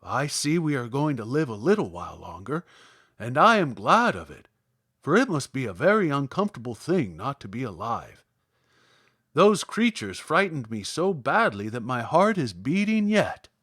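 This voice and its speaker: A big storybook lion, played by a male reader, cowardly yet brave. He speaks earnestly and anxiously, with lively swings in pitch, in a dry, close sound. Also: moderate pace, breathy edge, dry recording. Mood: relieved. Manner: fearful, earnest. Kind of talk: storybook character voice.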